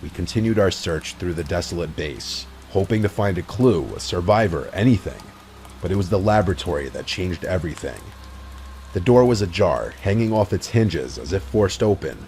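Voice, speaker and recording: A man with a low voice reads a horror story in a measured, brooding way. Faint ambient sound sits behind him. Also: expressive, a little mellow, a little hiss or hum. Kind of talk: scripted horror narration.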